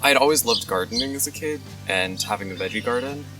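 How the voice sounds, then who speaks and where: A man's voice: medium pitch, quick pace. A young man who works on a farm, speaking casually in a documentary interview with many "um" fillers. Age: young adult. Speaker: farm worker. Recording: distant mic with loud music.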